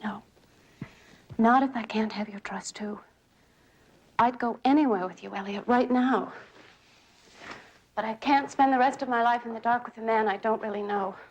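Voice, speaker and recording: A woman acts a loving wife in a television crime drama. Her voice sits fairly high, and she pleads with an anguished, devoted urgency. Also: fairly even intonation, normal speed, a little mellow, dull audio, slight background noise, natural voice. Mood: loving, pleading. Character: loving but anguished wife demanding the truth.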